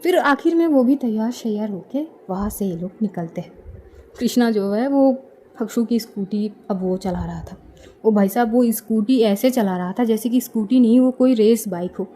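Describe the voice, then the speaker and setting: A woman's voice: on the high side, normal speed, mellow. A woman telling a story in a casual, conversational way. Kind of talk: storytelling narration.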